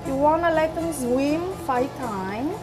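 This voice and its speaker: A woman's voice: sits high, lively intonation, slow pace. A woman chef in her thirties with an Italian accent, patiently explaining a dish in slightly broken English in a restaurant kitchen. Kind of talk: cooking demonstration. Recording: background music under the talk.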